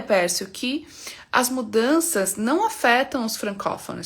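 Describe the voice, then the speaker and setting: Reassuring woman. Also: on the high side. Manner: explanatory, reassuring, frequent "né?" and "tá?" tags. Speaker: immigration consultant. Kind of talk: live Q&A stream.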